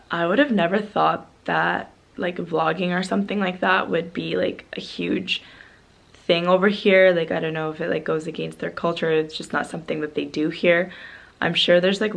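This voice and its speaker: Brief: young woman vlogger, lowish creaky voice, chatty storytelling full of "like". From Canada. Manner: heavy use of "like" filler, animated retelling. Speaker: travel vlogger. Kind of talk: casual vlog storytelling.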